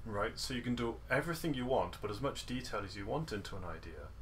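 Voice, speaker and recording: A man's voice: fairly low pitch, lively intonation, quick pace, slight background noise. Man coaching guitar, singing rhythms. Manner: sings rhythms with nonsense syllables; playful and encouraging, detail-focused. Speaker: guitar masterclass teacher. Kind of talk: online music lesson coaching. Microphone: video call.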